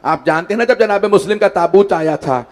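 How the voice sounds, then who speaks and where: Casting note: male cleric, very high voice, dramatic mourning recitation that climbs to anguished shouts. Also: brisk. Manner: dramatic, rising to wailing shouts at climaxes; pleading with the audience. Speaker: Shia cleric reciting majlis. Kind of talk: Muharram majlis sermon, tragic narration.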